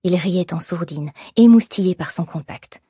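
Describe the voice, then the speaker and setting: A woman narrating an audiobook in measured, expressive storytelling. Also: on the low side, husky, dry recording, clean studio sound. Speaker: audiobook reader. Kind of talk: scripted narration.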